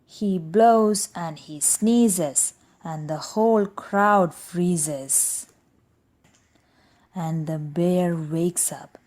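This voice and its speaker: Woman doing a kids read aloud, super slow, lowish voice, rhythmic n expressive. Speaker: storybook reader. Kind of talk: children's read-aloud narration.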